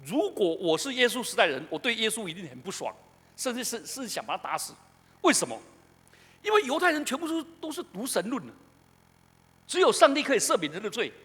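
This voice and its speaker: A man's voice: high-pitched, fast, slightly rough. A middle-aged man with a Taiwanese Mandarin accent, preaching a sermon and asking his congregation questions. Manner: animated, asks the congregation questions. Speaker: pastor. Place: church sanctuary. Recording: echoey church hall.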